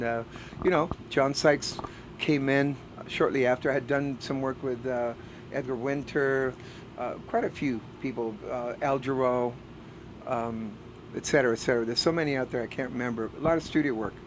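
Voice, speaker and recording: A man's voice: mid-range voice, poor audio. A middle-aged man speaking earnestly and reflectively in a casual backstage interview, with many hesitant "uh"s. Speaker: bass player. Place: backstage at a music festival. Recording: clear background noise.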